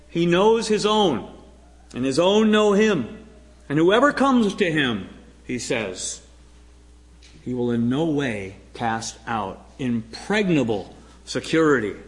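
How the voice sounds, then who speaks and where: A male preacher delivers a sermon at an unhurried pace. His voice sits a little high for a man, and he drives key words hard before letting his lines fall away to a hush. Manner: slow, emphatic preaching with rising peaks and sinking, quiet line endings. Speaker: pastor.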